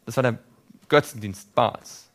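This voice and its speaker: A male preacher giving a sermon who puts questions to his listeners and answers them himself, swinging from loud cries to low, quiet passages. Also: unhurried.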